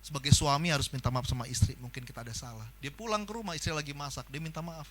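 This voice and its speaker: A man preaching a sermon in a church, talking with animation and acting out the people he quotes in loud bursts. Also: a little high, rapid-fire. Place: church hall.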